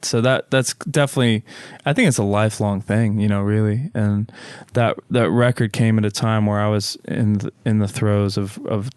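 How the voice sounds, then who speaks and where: Reflective low-voiced man musician. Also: fairly even intonation, normal speed, hardly any pauses, a little mellow, clear, resonant tone, no room sound. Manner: reflective, thoughtful, with frequent fillers and restarts. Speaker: musician guest. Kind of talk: casual interview chat.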